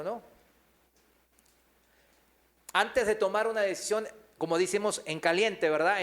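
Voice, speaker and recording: A man's voice: sits high, a bit bright. A male pastor, preaching a sermon full of rhetorical questions to his congregation.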